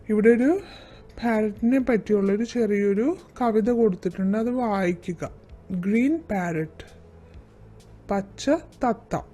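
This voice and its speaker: A woman with a Malayali accent teaches a primary class lesson at an unhurried pace. She spells out English sentences word by word, then walks through their meaning. Faint music plays underneath. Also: medium pitch, dark tone. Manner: reads English lines very slowly and deliberately, then explains in Malayalam.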